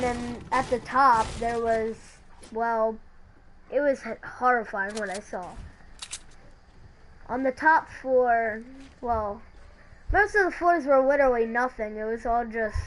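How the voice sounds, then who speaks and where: A woman telling a creepy story in a halting, hesitant way, often restarting her sentences. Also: a little high, a little hiss or hum, low-quality recording. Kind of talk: creepypasta narration.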